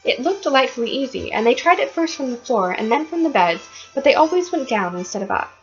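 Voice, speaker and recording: A woman reading a children's book aloud with expressive delivery and occasional stumbles. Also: high voice, fast talker, lo-fi sound, faint music behind.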